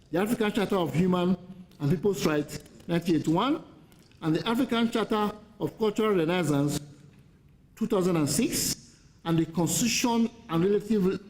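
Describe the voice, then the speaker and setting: A man with a notably high voice delivers a formal speech at a conference, pressing each point with insistence. He repeats himself for emphasis and urges the listeners directly. His voice rings out with the long reverb of a large hall. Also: darkish tone. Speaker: conference speaker for a lawyers' group.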